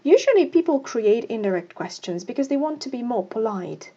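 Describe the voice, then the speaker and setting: A woman teaching a grammar lesson in a mellow, husky voice. She explains patiently, step by step, and reads example sentences aloud. The recording sounds dull and lo-fi. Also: a little high, big pitch swings, brisk. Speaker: English teacher.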